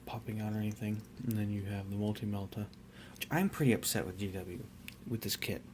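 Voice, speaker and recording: A young man casually talking through his hobby work, rambling and relaxed with many fillers and restarts. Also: on the low side, fairly quick, slight background noise. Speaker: miniature painter.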